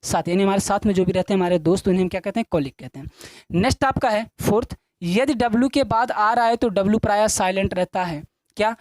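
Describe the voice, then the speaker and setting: A woman's voice: medium pitch, fast, darkish tone, no echo. A woman teaching an English lesson, asking questions and answering them herself, repeating each point to her students. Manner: repetitive drilling, addressing students as children. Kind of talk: classroom-style video lesson.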